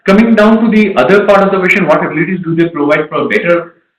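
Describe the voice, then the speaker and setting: A man answers audience questions in a technical webinar. His voice sits fairly high and sounds a bit roomy and echoey. He works through each point step by step, often restarting phrases and stopping to offer examples. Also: fast. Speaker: webinar presenter. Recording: echoey room.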